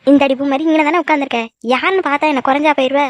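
A woman's voice: high voice, fairly even intonation, very fast, dry recording, close to an everyday voice. A woman voicing a fussing cartoon village mother. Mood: scolding. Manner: scolding, then tearful and doting. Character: scolding, emotional middle-aged village mother. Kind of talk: cartoon voice acting.

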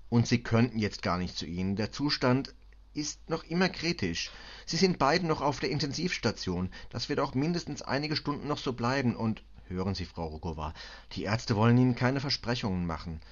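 A man playing a patient middle-aged police inspector, speaking calmly, clearly and reassuringly. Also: medium pitch, normal speed, dull audio, voice pushed up, close to an everyday voice.

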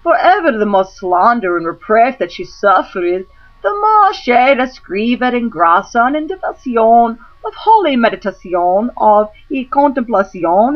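A woman reciting medieval religious prose aloud, using Middle English pronunciation with archaic vowels. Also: a little high. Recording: slightly dull lo-fi recording.

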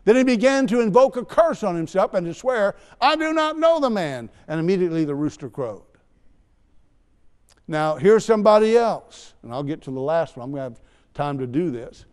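A man's voice: on the high side, lively intonation, fairly quick, darkish tone, clear, resonant tone. A man preaching a sermon in a church, talking conversationally with asides and light teasing. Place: church sanctuary. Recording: long church hall reverb.

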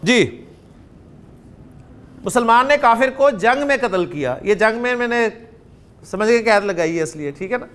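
A man's voice: high-pitched, expressive, moderate pace, fairly bright tone. A man with a Pakistani accent teaching Arabic grammar in a classroom lecture, quizzing his students and dictating phrase by phrase.

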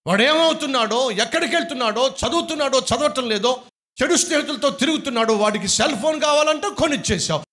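A man preaching a sermon in a Telugu accent, firing rhetorical questions and rising to shouts before closing in prayer. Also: very high voice. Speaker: pastor.

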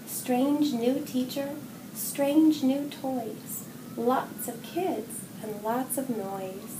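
Reading a picture book for little kids, a middle-aged hospital executive assistant sounds expressive and deliberate in her high voice. The setting is a room with wall decorations, and the distant microphone leaves plenty of echo and audible background noise.

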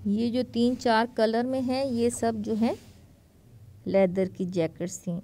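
A woman's voice: fairly high pitch, steady tone, measured pace, mellow, slight background noise. A woman, narrating a casual shopping vlog from an outdoor market and leaning on the filler "jo hai" again and again. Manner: chatty, leans on the filler "jo hai" a lot. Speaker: vlogger. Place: open-air flea market stalls outdoors.

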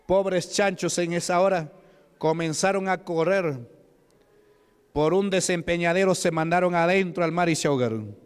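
A male deacon from Peru preaches a Pentecostal sermon in a reverberant church hall, posing questions to the congregation and answering them himself. His voice is a little high and clean in tone, and he punctuates his points with "aleluya."

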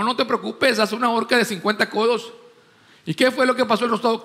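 High, gravelly-voiced pastor preaching in a hall. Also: male voice, pushed and bright. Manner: emphatic preaching, acts out voices in anecdotes. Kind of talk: sermon. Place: church hall. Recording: long church hall reverb.

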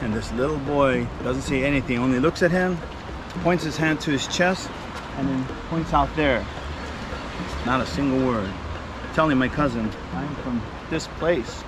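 A man telling stories informally as a local guide outdoors by the sea, acting out bits of dialogue with pauses. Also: medium pitch. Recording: outdoor wind and boat-like ambient noise.

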